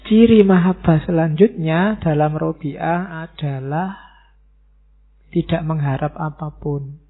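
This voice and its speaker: A man gives a relaxed philosophy lecture, his voice gravelly and husky. He talks conversationally, tossing rhetorical questions at the listeners. The sound is thin and tinny, like a phone line. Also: a little high. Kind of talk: casual religious philosophy lecture. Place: mosque lecture hall.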